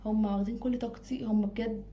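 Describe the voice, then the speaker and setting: This Egyptian-accented advice vlogger talks fast to her self-filmed camera, her slightly high voice keeping a fairly even intonation. She's emphatic and repeats phrases for stress, and the sound is lo-fi.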